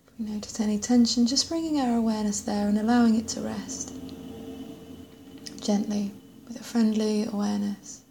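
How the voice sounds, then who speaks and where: Leading a body scan meditation, a woman speaks unhurriedly and gently, with long pauses and softly trailing phrase endings. Her mid-range voice has fairly even intonation and some vocal fry, and the rough recording carries slight background noise.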